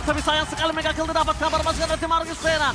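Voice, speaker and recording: An Indonesian man casting an esports match in a shouted, excitable fighting game announcer style, stretching out the key calls. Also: extremely high pitch, very fast. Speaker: esports play-by-play caster. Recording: loud music under the voice. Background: loud music.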